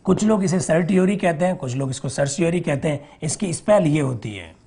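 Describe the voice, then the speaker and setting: Man, lecturing teacher, slightly husky, drills terms by repetition and rhetorical questions. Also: a little high, lively intonation, dark tone. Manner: repeats key terms slowly, asks and answers his own questions. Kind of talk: exam-prep polity lecture.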